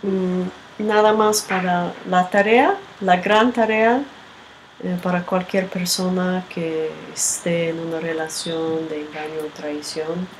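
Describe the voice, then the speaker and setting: A woman giving a reflective teaching talk with a personal story. She speaks in a halting, unhurried way and often ends with a questioning tag. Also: lowish voice, steady tone, low-quality recording. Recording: background noise.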